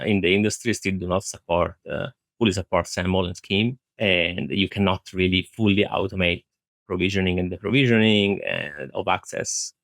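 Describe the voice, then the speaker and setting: This male speaker's voice sits low and creaky, with a fairly bright tone and no room sound. He takes on the role of an IT director in an interview, earnestly laying out his opinions and repeating phrases to stress them in a reflective, conversational way.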